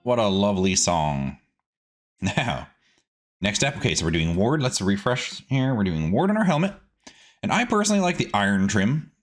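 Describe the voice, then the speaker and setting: A man with a fairly low voice hosts a casual let's-play video, speaking at normal speed in a sing-song way. He chatters playfully to himself as he plays, tossing in silly words and sing-song asides, with faint music behind him.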